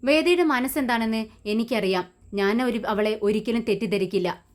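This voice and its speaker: A woman's voice: on the high side, moderate pace, lightly acted. Woman reading as a lady sticking up for someone, earnest and firm.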